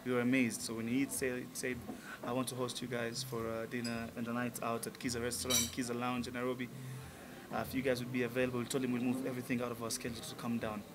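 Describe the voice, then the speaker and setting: A man's voice: medium pitch, monotone, quick pace, heavy background noise. A man in his thirties from Tanzania, a musician being interviewed, talking casually and enthusiastically with many fillers in a restaurant lounge. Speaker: musician guest. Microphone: table mic on stand.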